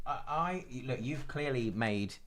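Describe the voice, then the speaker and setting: A man's voice: mid-range voice, animated, unhurried, fairly bright tone. A man co-hosting a casual chat show, bantering in a campy, teasing, mock-exasperated way. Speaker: podcast co-host. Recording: clear noise with clicks.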